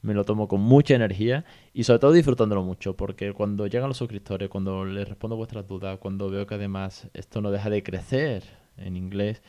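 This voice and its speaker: Chatty man with a fairly low voice. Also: warm tone. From Spain. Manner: chatty, swears casually, acts out quoted people. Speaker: podcast host. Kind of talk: casual solo podcast chat. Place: hotel room.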